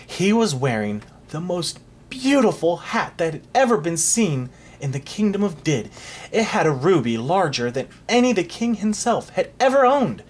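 A reader narrating a storybook aloud for a child in an expressive, animated way. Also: mid-range voice, moderate pace, slightly rough.

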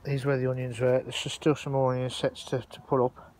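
Filming a casual walk-around on his allotment, this man holds his phone and chats away in a loose, rambling style. He talks fairly quickly in a completely flat, mid-range voice with a touch of mellowness, over noisy outdoor sound.

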